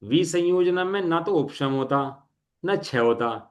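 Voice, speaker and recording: A middle-aged man teaching a study class, reading definitions slowly and asking students to check their understanding. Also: on the high side, expressive, highs cut off.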